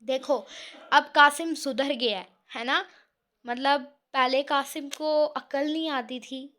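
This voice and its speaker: High-voiced woman chatting about her novel. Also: fairly even intonation, pushed and bright. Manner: rambling and chatty, often correcting herself mid-sentence; sleepy and tired. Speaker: novel writer. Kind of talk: casual chat about her own serialized novel.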